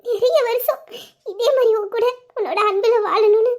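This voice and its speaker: A woman plays a shy, loving young bride in a romantic audio drama, with a very high, girlish voice. She talks in a coy, teasing way that slips into tearful, gushing warmth. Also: normal speed. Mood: tearful joy.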